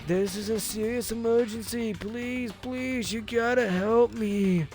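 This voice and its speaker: Game role: male player voicing a panicky teen girl, high slow stoner drawl, pleading. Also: music in the background. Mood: urgent pleading. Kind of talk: video game character voice-over.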